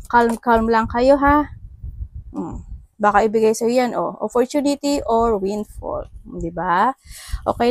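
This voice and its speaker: A woman's voice: mid-range voice, darkish tone. A woman from the Philippines giving a casual horoscope and tarot reading, chatty and full of tag questions. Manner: chatty, mixes English into Tagalog, frequent tag questions. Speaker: tarot reader.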